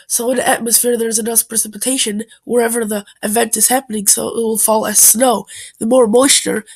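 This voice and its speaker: Congested, nasal woman, somewhat high voice. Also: husky. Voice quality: nasal, stuffed-up sound. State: congested, stuffy nose from a bad cold. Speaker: amateur weather forecast vlogger. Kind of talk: informal explanatory video narration.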